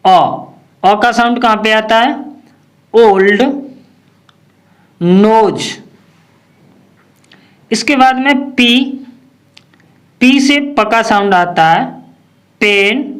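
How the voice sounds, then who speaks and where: Phonics teacher, very slow delivery, drills each word with questions, mid pitch. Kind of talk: phonics lesson.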